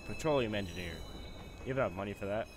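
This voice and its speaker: A man's voice: lowish voice, fast. A man giving casual, goofy and sarcastic gameplay commentary as a walkthrough host. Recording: faint game noise behind.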